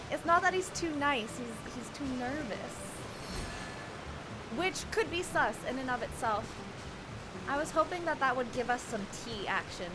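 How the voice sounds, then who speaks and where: A woman's voice: high-pitched, heavy background noise. A young woman streaming a video game, chatting casually in a rambling, slangy way. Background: game music.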